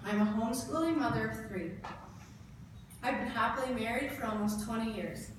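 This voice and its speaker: A Canadian woman in her thirties gives a prepared motivational speech to a live audience, speaking earnestly and emphatically in short, deliberate phrases. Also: fairly high pitch. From northern Ontario, Canada. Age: 30s. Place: indoor event room before an audience. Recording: echoey room, distant mic, clear background noise.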